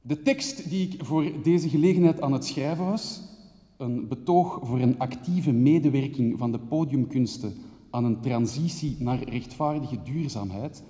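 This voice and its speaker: A man's voice: medium pitch, a little slow, warm tone. A man giving an intense, rhythmic spoken-word monologue as a theater maker, reeling off long lists of words. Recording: long reverb of a hall.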